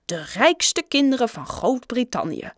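A woman's voice: sing-song, a little slow, no echo, clean studio sound. Woman doing a pushy chatty shopkeeper man. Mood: eager salesman. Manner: eager, sales-pitch patter. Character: chatty grown male shopkeeper, pushy salesman.

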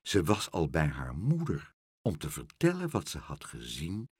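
Slow expressive male storyteller. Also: extremely low pitch, breathy edge, no echo, clean studio sound. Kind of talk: reading a children's story aloud.

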